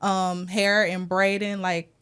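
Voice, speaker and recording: A woman's voice: mid-range voice, flat delivery, takes it slowly, heavy background noise. A woman co-hosting a podcast in casual chat, asking questions in an enthusiastic, affirming way. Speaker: podcast co-host.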